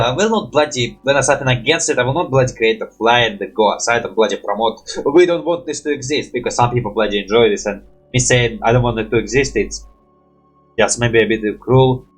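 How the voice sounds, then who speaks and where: A reaction streamer with a lowish, husky voice rambles casually into a headset mic in broken English, sprinkling "bloody" throughout.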